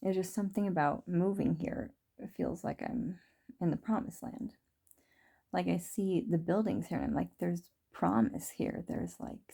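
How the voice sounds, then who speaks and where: A woman in her thirties talking through her feelings in a rambling, reflective video diary, full of fillers and soft laughs. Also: lowish voice, creaky. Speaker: vlogger. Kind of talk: reflective personal diary talk.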